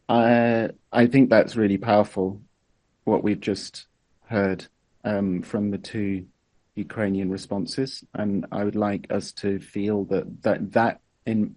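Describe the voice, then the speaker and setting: A man's voice: lowish voice, a little mellow. A man speaking earnestly as an invited speaker on a video call.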